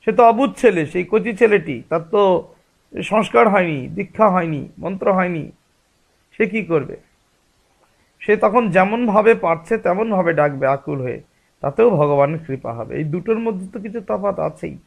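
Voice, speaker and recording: High gravelly-voiced male teacher. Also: moderate pace. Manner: explanatory, rhetorical questions. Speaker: religious teacher. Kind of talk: spiritual discourse.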